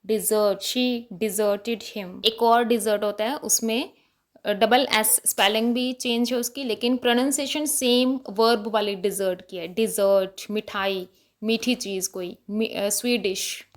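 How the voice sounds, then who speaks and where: Woman, young adult, English pronunciation teacher, slow careful delivery, slightly high voice, repeats words for contrast. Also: fairly even intonation. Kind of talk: explanatory lesson.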